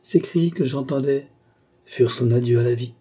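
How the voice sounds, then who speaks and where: A man's voice: mid-range voice, mellow, breathy edge, close to an everyday voice. A man voicing a grave, lecturing old doctor. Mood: gentle. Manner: measured, lecturing. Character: grave older male doctor, a reasoning philosopher.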